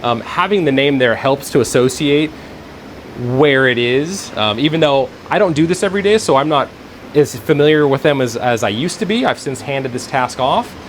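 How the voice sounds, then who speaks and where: In faint room and air-conditioning noise, a man guides viewers through workplace rooms indoors, vlog style, rambling informally and thinking out loud. He has a medium-pitched voice with lively intonation and a moderate pace.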